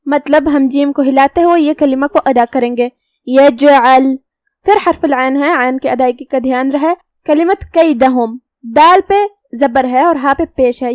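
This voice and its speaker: A woman with a high voice gives a patient recitation lesson, going through each letter rule one step at a time. The sound is dry and close, with no room around it. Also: darkish tone, no room sound. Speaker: Quran recitation teacher. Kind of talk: tajweed lesson with slow recitation.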